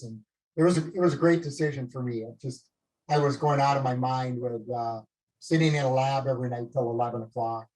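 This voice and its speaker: In a rough recording, a man in his late fifties from northern Minnesota, with a Minnesotan accent, speaks on the high side with a darkish, breathy tone. As the featured guest on a live video call, he rambles conversationally about his career, self-deprecating and restarting often.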